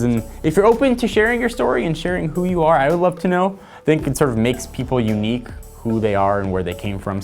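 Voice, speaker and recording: A man's voice: medium pitch, darkish tone. A man hosting a casual tech vlog, chatting upbeat and direct to his viewers. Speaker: channel host. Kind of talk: casual vlog talk to camera.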